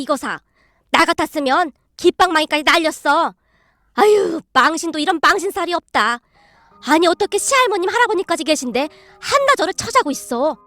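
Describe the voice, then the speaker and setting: A stern, blunt elderly grandmother, voiced by a woman narrator, speaking in formal, scolding Korean tones. Her voice sits fairly high. Quiet music hums behind her. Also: expressive, brisk, no room sound.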